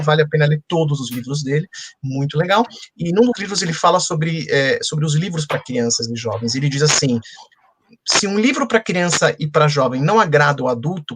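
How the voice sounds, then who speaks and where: Fast-talking man, animated storyteller. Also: on the high side. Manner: animated, storytelling, frequent restarts. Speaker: children's book author. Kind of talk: casual webinar talk. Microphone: video call. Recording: noisy video call audio.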